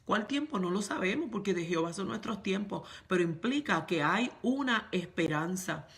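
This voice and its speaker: Gravelly-voiced woman preaching. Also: mid-range voice, expressive, moderate pace. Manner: repetitive, emphatic preaching, slipping in English words. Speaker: pastor. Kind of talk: sermon. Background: congregation setting, speaking to women.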